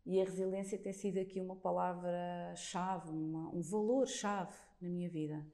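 A woman's voice: lowish voice, fairly even intonation, moderate pace, warm tone. A woman with a European Portuguese accent speaking in a reflective, earnest and encouraging way as a guest in a conversation. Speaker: podcast guest, workshop leader.

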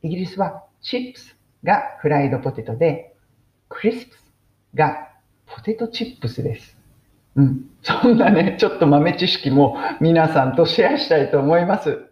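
A woman's voice: low voice, expressive, normal speed. A woman giving a casual, chatty English mini-lesson and explaining with friendly asides. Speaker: English teacher podcaster. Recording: roomy, dull lo-fi recording.

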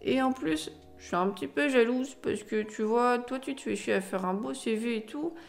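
A woman's voice: a little high, moderate pace, gravelly. A young adult woman co-hosting a casual podcast debate, speaking spontaneously, teasing her partner and jumping from one idea to the next. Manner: spontaneous, teasing, jumps between ideas. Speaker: podcast co-host.

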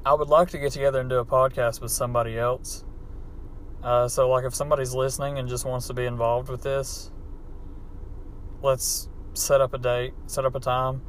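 Appalachian hillbilly man rambling over car noise. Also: mid-range voice. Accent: Appalachian hillbilly American. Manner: rambling, profane, self-deprecating. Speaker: podcast host. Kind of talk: casual unscripted monologue. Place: inside a car. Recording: background car noise, amateur setup.

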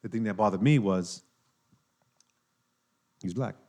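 Low-voiced man in casual podcast chat. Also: measured pace. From New York. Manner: animated, talks with hand-wavy fillers and repeats himself. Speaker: podcast host.

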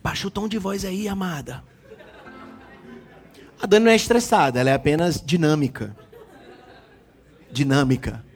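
A man preaching a lively sermon, joking with the congregation and acting out quotes. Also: on the high side, moderate pace, long pauses, breathy edge, soft background music, a faint crowd. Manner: animated, jokes with the congregation, acts out quotes. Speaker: pastor.

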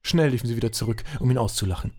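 A man's voice: mid-range voice, rapid-fire, darkish tone. A man narrating an amateur audio drama in a dry, matter-of-fact way.

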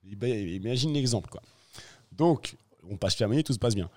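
A man, a professional freeride skier, telling a story in a casual interview, slangy and animated, acting out the scenes as he goes. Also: mid-range voice, moderate pace.

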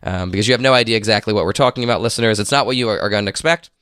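A man's voice: on the low side, racing, a bit bright, smooth, no room sound, studio quality. A man with a congested, nasal voice, slightly under the weather, hosting a casual podcast. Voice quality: stuffy-nosed, nasal. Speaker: podcast host. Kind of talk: casual podcast chat and episode recap.

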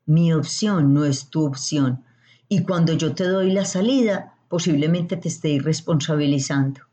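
A woman, teaching about emotional support in a calm, measured way, posing rhetorical questions. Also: low voice. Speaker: emotional coach. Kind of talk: slow explanatory talk. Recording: dull lo-fi audio.

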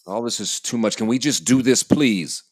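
A man playing an anxious, exasperated airline passenger at breaking point, halting and stammering in a comedic drama. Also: medium pitch, natural voice. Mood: anxious, pleading. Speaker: airline customer. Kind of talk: naturalistic comedic drama acting.

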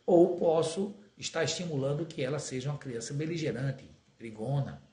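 A man with a fairly high voice gives an earnest spiritist talk on raising children. He often slows down and stretches words for emphasis. The room around him is echoey. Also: warm tone. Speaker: spiritist lecturer.

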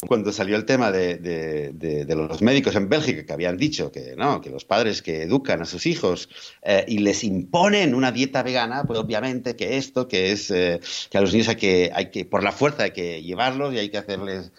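A man in casual podcast chat, animated, often acting out other people's voices and restarting his sentences. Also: on the low side, moderate pace, highs cut off. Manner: animated, acts out quoted voices, many restarts. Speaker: podcast co-host.

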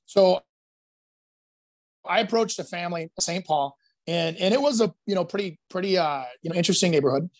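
A man's voice: sits high, brisk, pauses often. Rambling man telling real estate stories. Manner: rambling storyteller who acts out other people's lines. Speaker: real estate agent, guest. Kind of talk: casual podcast chat.

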